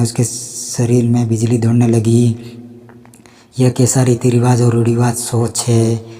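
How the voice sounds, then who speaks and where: A man narrating a moral story in a steady reading manner. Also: mid-range voice, breathy edge, in a large hall.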